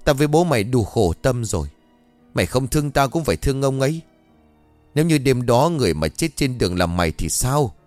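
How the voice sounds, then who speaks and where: A man's voice: medium pitch, sing-song, fairly quick, darkish tone, dry recording, soft background music, natural voice. A man voicing a stern middle-aged mother who scolds her daughter bluntly and sharply.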